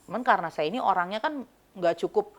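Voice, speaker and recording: A woman telling her personal faith story in an interview, animated and reliving the moments she describes. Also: medium pitch, quick pace. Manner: animated storytelling, reenacting her own words. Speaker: church member giving testimony.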